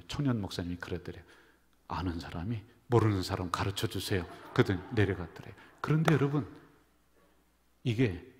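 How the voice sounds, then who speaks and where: A man, the senior pastor, preaching a sermon full of jokes and stories, swinging from loud calls down to near whispers. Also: on the low side. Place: church sanctuary. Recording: church hall reverb.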